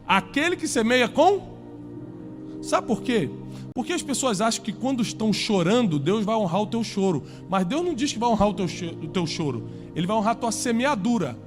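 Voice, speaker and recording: Man, sermon, high voice, emphatic preaching, faint music behind. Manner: emphatic preaching, rising to loud peaks and dropping low. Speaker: pastor. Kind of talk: sermon to a live congregation.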